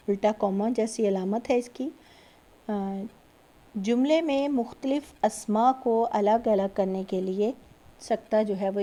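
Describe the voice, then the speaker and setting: A woman's voice: medium pitch, mellow. A woman teacher giving a recorded lecture to students, patient and repeating key points with frequent check-ins. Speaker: school teacher.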